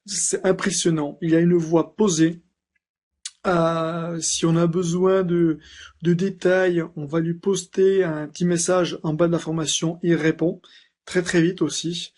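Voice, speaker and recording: Chatty, joking man with a higher voice. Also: flat delivery, measured pace, a little mellow. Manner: joking, chatty, with hesitant restarts. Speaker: course participant giving a testimonial. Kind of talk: casual testimonial.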